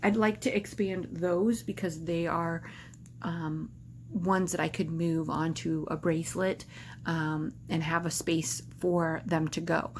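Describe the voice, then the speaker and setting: A woman's voice: fairly low pitch, steady tone, slow pace, slight background noise. A woman vlogging casually to camera, rambling and hesitant, with lots of filler words and restarts.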